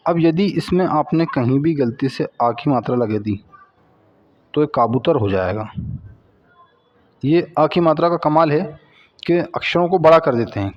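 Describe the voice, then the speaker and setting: A man teaches young children how to spell, at a very slow and patient pace. He repeats every word and syllable, and his voice sits a little high. The recording sounds dull and lo-fi.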